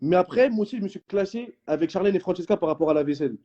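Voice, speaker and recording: A young man telling reality-show stories in quick, slangy casual chat, acting out what others said. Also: high voice, lo-fi sound. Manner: animated storytelling in slang, acting out others' lines.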